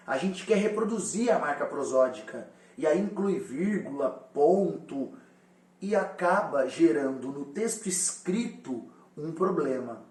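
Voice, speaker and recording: A man with a fairly high voice teaches a recorded lesson and speaks straight to his students. He sounds set back from the mic, and the room gives his voice a clear echo. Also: a little mellow, far from the mic. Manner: explanatory, addresses students directly.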